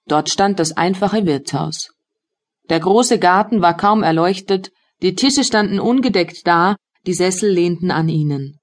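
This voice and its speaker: A woman narrating a classic literary audiobook in a calm, measured storytelling manner. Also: fairly low pitch.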